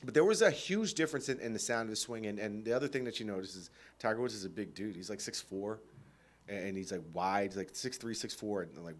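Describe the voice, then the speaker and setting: A man's voice: lowish voice, expressive, fast talker. Rambling, laughing male radio host. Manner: loose, rambling, laughs often, swears. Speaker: radio talk show host. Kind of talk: casual sports chat.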